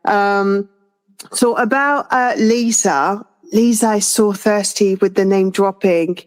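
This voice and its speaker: A woman's voice: medium pitch, slow. A woman from France in her thirties, co-hosting a casual chat, speaking hesitantly with many fillers and restarts. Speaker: podcast co-host.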